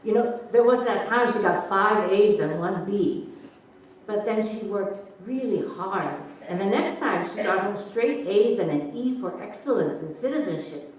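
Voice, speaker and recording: A woman's voice: mid-range voice, expressive, unhurried, lightly acted. A woman playing a proud, fussy Japanese American mother in a staged reading, with a pointed, emphatic delivery. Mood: humblebragging. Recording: echoey hall, distant mic, faint noise.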